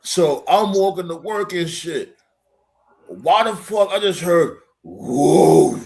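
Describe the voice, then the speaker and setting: Animated, profane storytelling man. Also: sits high, takes it slowly. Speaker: podcast co-host. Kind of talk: casual chat.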